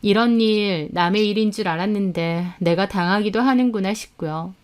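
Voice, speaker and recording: A woman's voice: medium pitch, moderate pace, smooth. A woman with a mid-range voice narrates a first-person story. She tells it in an indignant, dramatic way, as if recounting a betrayal to listeners.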